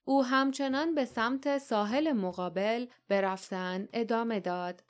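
A woman reading an adventure story aloud as an audiobook narrator, with steady storytelling. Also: fairly high pitch. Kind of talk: scripted narration.

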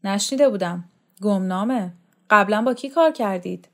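A woman's voice: medium pitch, a bit bright, lightly acted. A woman reading the part of a proud, scornful older man who boasts of his theatre past. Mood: skeptical.

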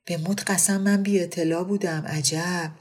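A jovial aristocratic lady full of playful jokes and exclamations, as a woman narrator puts her on. Her low voice stays cheerful and teasing, and she turns easily from mischief to gentle comfort. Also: steady tone, lightly acted.

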